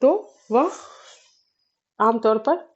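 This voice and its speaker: A woman teaching a spoken Hindi grammar lesson, explaining slowly with many fillers and pauses and clearing her throat often. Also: fairly high pitch, expressive, dull audio.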